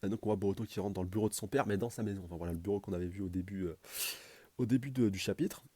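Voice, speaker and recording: A man with a very low, dark voice rattles through a manga chapter in loose, chatty commentary, often restarting his sentences. He talks quickly, and the sound is dry and close. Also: no echo. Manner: rambling, full of restarts and fillers, chatty. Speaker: manga reviewer. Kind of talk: casual live commentary.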